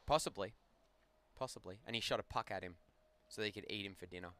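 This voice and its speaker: Bright, chatty man commentating hockey. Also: lowish voice, fast talker, no room sound. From Australia. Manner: chatty, banters and laughs often. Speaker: play-by-play commentator. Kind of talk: joking live hockey commentary.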